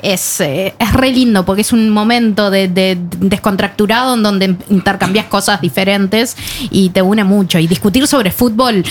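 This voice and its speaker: A woman's voice: medium pitch, normal speed, a little hiss or hum. A woman in a casual panel chat, enthusiastic, often repeating words while she thinks. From Latin America.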